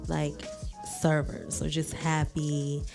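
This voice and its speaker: A woman from Washington, D.C. talks through a casual podcast chat in a candid, frank way, swearing now and then. Her voice sits a little low and she takes her time. Faint music plays underneath. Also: completely flat delivery, slow pace, creaky. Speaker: podcast co-host.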